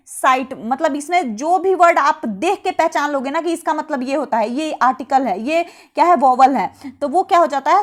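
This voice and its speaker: A woman teaching an exam-prep lesson, asking herself rhetorical questions and then answering them, repeating key terms slowly. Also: high voice.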